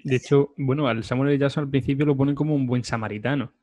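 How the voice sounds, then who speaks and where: A man's voice: mid-range voice, steady tone, fast, darkish tone. A man in casual film chat, chatty and laughing as he retells movie lines.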